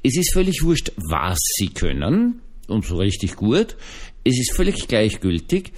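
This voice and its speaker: A man's voice: mid-range voice, huge pitch swings, measured pace, darkish tone. A male Protestant pastor with an Austrian German accent, talking casually and folksily to his online listeners, just back on his feet after being ill. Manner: chatty, rambling, folksy, addresses listeners directly. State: recovering from illness. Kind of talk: casual spoken podcast reflection.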